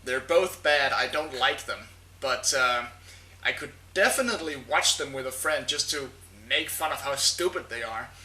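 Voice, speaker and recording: A man's voice: mid-range voice, moderate pace, bright, forceful tone, far from the mic. A man who reviews horror movies, chatting casually and candidly as he answers viewer questions, with the odd filler. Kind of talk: casual talk to camera. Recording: echoey room.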